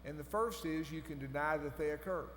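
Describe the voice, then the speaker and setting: A man giving a formal podium speech as a commencement speaker, deliberate and phrase by phrase, in a large hall. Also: a little high. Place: large hall over a PA system. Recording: echoey hall, humming background noise.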